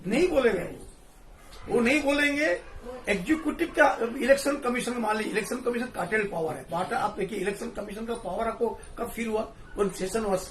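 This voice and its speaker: A man talking in a casual political discussion, animated and laughing, mixing in English phrases. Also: high voice, brisk, a little hiss or hum. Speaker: discussion panelist. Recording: echoey room, distant mic.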